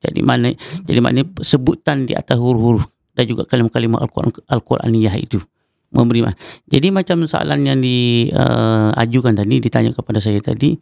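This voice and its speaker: A man's voice: mid-range voice, fairly quick, gravelly, a little mellow, dry recording, clean studio sound. A Malaysian man with a Malaysian Malay accent, a Quran recitation teacher explaining patiently and breaking into melodic chanted examples. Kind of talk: explanatory podcast interview. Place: mosque podcast studio.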